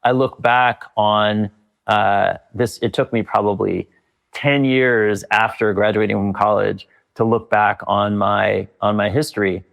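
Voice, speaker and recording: On the low side, with fairly even intonation, vocal fry, and a bit of brightness, a middle-aged man speaks a little slowly. The guest is a leadership consultant in a reflective interview, answering thoughtfully amid frequent fillers and restarts.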